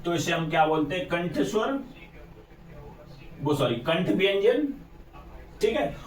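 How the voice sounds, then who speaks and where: A man's voice: sits high, fairly bright tone. A male teacher giving an exam-prep lesson, asking his students questions and then answering them himself. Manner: call-and-response questioning. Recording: echoey room, far from mic.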